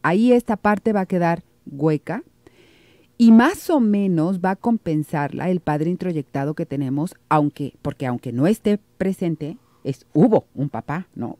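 Mujer de voz grave y cálida. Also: female voice, lowish voice, moderate pace, no echo. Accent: Mexican. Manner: calm explanatory, reads listener messages. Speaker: radio psychologist host. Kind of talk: radio call-in talk.

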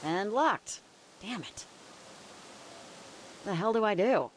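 A woman's voice: mid-range voice, expressive, takes it slowly, slight background noise. An actress playing a wry young woman in a game, dry and sarcastic.

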